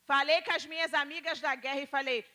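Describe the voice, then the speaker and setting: High-pitched bright Brazilian woman testifying. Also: fairly even intonation, fast. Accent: Brazilian Portuguese. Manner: emotional, addresses congregation as brothers. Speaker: testimony speaker at church service. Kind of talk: church testimony.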